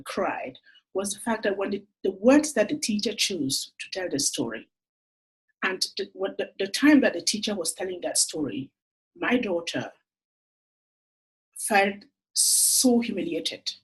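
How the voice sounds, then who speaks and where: A woman makes a heartfelt personal appeal straight to camera. Her voice is very husky and breathy, and her pitch swings widely as she tells her stories. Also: rough recording. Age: 40s. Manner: earnest, heartfelt storytelling. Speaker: entrepreneur making a funding appeal.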